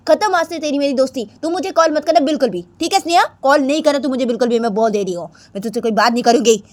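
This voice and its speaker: A woman's voice: sits high, pitched above the performer's own voice. A woman voicing Ritu, a suspicious young woman angrily scolding her friend and ending their friendship. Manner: scolding, repeats herself insistently.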